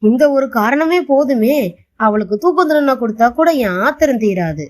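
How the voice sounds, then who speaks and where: A woman's voice: sits high, lively intonation, moderate pace. A woman voicing a grieving, spiteful young second wife who shrilly accuses her rival in colloquial speech. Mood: accusing.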